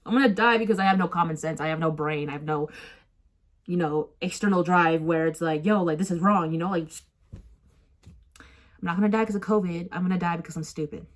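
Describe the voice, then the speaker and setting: Rambling, self-mocking young woman vlogger. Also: on the low side. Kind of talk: casual storytelling vlog.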